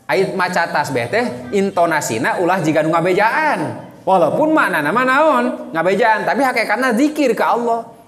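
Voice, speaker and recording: Man, Sundanese accent, Islamic teacher, high voice, quizzing listeners, long hall reverb. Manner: animated, quizzes listeners with questions. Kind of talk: religious study lecture. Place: mosque hall.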